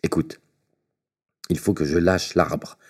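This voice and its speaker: Un homme jouant un géant bourru et dédaigneux. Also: male voice, low-pitched, little pitch movement, slow pace, creaky, breathy edge, heavily acted. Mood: scornful. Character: big gruff male giant, scornful.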